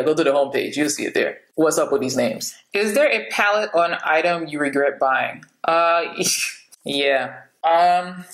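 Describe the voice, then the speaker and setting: A woman's voice: low voice, roomy sound, poor audio. A woman in her late thirties chatting frankly to camera as a beauty vlogger, laughing now and then. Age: 30s. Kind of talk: casual chat to camera.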